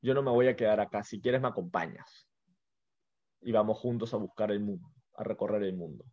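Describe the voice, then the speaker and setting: A weary, starving wolf from a spoken fable asks questions with urgent earnestness, as a man puts him on. The voice sits a little high. The sound is muffled and lo-fi. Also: moderate pace, close to an everyday voice. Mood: resolute. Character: starving, tired wolf who prizes freedom.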